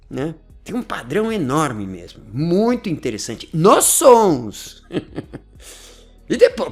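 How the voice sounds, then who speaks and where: A man gives a relaxed explanatory talk, his voice gravelly with fry. His pitch swings widely as he talks, and soft music plays faintly underneath. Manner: chatty, laughs often, keeps checking in with "né?" and "tá?". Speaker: host explaining language learning.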